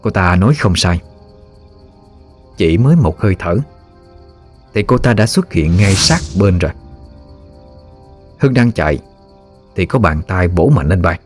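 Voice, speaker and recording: A man narrating a ghost story in a steady, measured way. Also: low-pitched, faint music behind.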